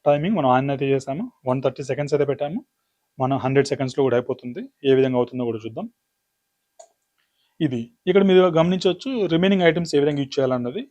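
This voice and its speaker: A man runs a hands-on product demonstration, listing items and steps in quick succession. His voice sits slightly high, and he talks at a very rapid clip. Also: a little mellow. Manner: rapid explanatory, lists items step by step. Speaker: business demo presenter.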